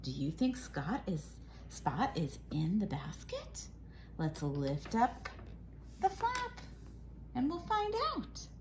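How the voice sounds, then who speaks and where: At medium pitch and taking it slowly, a woman educator reads a picture book to young children, her voice making huge pitch swings. It's an animated, sing-song storytime read-aloud that models core words. Loud noise runs behind the voice.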